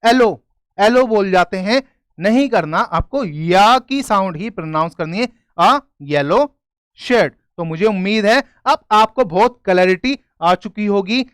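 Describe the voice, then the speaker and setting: A man teaching grammar in a video lesson, explaining step by step and often checking "clear?". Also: high-pitched, no echo. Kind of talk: classroom-style video lesson.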